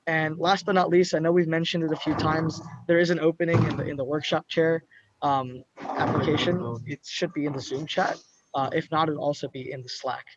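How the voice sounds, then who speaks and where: A man's voice: on the high side, steady tone, fairly quick, background noise. A man running a student club's video call, announcing upcoming events in a loose, casual way with many ums and uhs. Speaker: student club officer hosting a meeting. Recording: muffled video-call audio.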